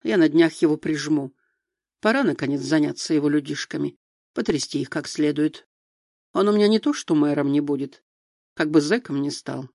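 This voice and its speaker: A man's voice: on the high side, moderate pace, darkish tone, no room sound, studio quality, close to an everyday voice. A man reading a stern, threatening mother. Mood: menacing. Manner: harsh, threatening. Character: stern domineering middle-aged woman, mother.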